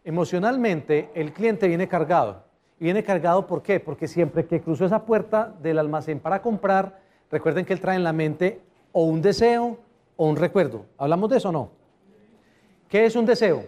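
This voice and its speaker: At a live customer service seminar, a motivational speaker with a pitch a bit higher than most men's talks at a moderate pace. He is animated and keeps putting questions to the audience.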